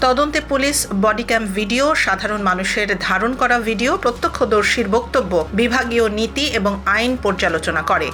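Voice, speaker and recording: Female news reporter, slightly high and forceful, delivering scripted narration over music.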